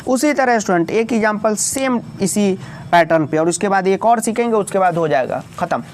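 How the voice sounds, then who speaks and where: A high-pitched man teaching a grammar lesson, walking students through each rule slowly and calling on them again and again. He fixes his own slips aloud as he goes. A faint hum of traffic sits behind him. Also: lively intonation. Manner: repetitive, addresses students often, corrects own slips. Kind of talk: explaining grammar step by step.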